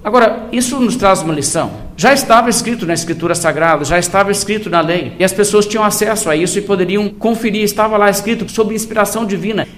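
A man preaching a Bible study in a measured, emphatic way, slowing down to stress his points. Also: sits high, a bit bright, slight background noise.

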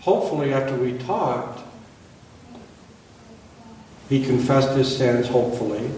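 A man preaching in a large church, his voice rolling through a cathedral echo with a long reverb tail. He sounds far from the microphone, with a faint low hum underneath. He speaks in a measured, earnest tone. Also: a little mellow. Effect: cathedral echo, voice ringing through a large hall. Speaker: pastor leading a communion service. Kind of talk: sermon and spoken liturgy. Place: large church sanctuary, indoors. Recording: echoey hall, voice picked up from far off, faint background hum.

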